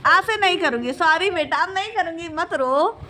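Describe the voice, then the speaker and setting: A woman's voice: extremely high pitch, expressive, normal speed, a crowd in the background. A young woman, a mother, casually teasing and soothing her toddler at home, sometimes singing nursery rhymes, recorded on a phone camera. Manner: playful teasing, sing-song rhymes.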